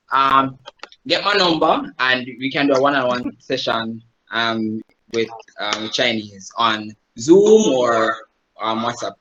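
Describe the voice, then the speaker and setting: His mid-range voice is a bit bright, and the recording is muffled with slight background noise. He's a Jamaican man teaching Chinese as a guest presenter to a group online, explaining in a conversational way and often asking "right?".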